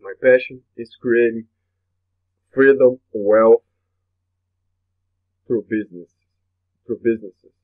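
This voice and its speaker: Through tinny, phone-like webinar audio, a Brazilian host with a medium-pitched voice delivers a motivational talk. Portuguese is his native language and his accent is Brazilian Portuguese. He takes it slowly with fairly even intonation and many pauses, speaking earnestly and often repeating phrases.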